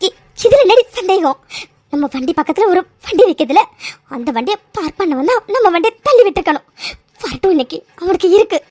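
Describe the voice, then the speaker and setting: A woman voicing a hoarse, fiery young cartoon heroine. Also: very high voice, very animated, a little mellow, no echo. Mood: upset. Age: young adult. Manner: fiery, quick to pick a fight. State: hoarse from throat infection. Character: young woman, hoarse, hot-tempered, hardworking. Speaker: food delivery worker. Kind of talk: cartoon serial voice acting.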